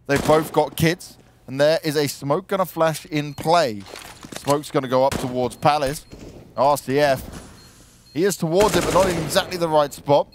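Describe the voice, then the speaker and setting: A man's voice: a little high, normal speed. A man working as an esports caster, calling a live video game match play by play. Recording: gunfire and game noise behind voice. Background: video game gunfire and clicks.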